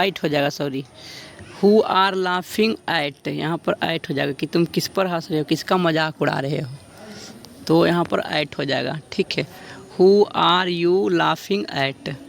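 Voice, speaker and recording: A man teaching an exam-prep grammar lesson, drawing out example sentences slowly as he dictates them. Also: a little high, creaky, slight background noise.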